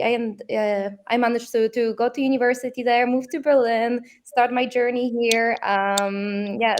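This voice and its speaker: A woman's voice: a little high, a little hiss or hum. A woman from Poland speaking as a panelist in an online discussion, earnest and personal, with hesitant fillers. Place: video call.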